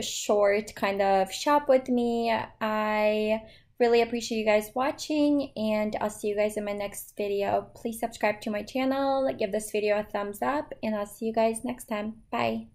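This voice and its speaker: A woman's voice: mid-range voice, a little mellow. Young woman talking over her shopping vlog, chatty and upbeat, says um a lot. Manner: chatty, upbeat, with fillers like um and literally. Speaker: vlogger.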